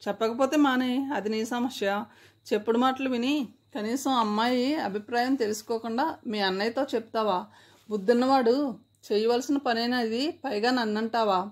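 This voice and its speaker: Storybook reading: a woman voicing a hurt, scolding young man, pitched a bit high. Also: fairly even intonation, normal speed, lightly acted. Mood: reproachful. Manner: scolding, reproachful.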